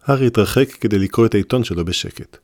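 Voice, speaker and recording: A man narrating a fantasy story in an audiobook with a steady, measured reading. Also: lowish voice, dry recording, clean studio sound. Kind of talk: scripted narration.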